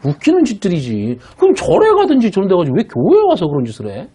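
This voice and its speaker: A man's voice: high voice, huge pitch swings, quick pace, mellow, slightly rough. A man preaching a sermon as pastor, emphatic and blunt, often asking the congregation "예?" to check they follow. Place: church worship room.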